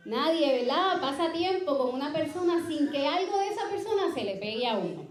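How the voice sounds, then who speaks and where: A woman's voice: high-pitched, lively intonation, a little fast, echoey room. A woman from Puerto Rico with a Puerto Rican accent, preaching an earnest sermon and often checking in with her listeners. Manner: earnest, keeps asking ¿verdad?, storytelling asides. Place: church sanctuary.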